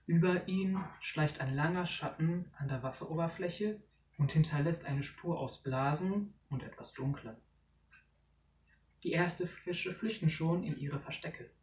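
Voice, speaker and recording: Storybook narrator, measured reading, roomy and far from the mic. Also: mid-range voice, a little mellow. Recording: echoey room, distant mic, faint noise.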